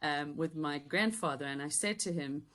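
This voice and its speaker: This Yorkshire woman in her fifties works as a business coach, and her accent has been softened by years in South Africa. Low-pitched and speaking at normal speed, she chats warmly as an interview guest, thoughtful, with frequent ums and light laughter.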